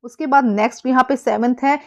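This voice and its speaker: In an exam-prep lesson, an Indian woman with a high-sitting voice explains things casually. When she reads English passages aloud, she goes slowly and haltingly.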